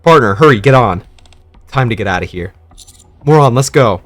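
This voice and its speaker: A man's voice: mid-range voice, lively intonation, moderate pace, lightly acted. A man voicing a suspicious young woman soldier who talks bluntly and accusingly, in a game story reading.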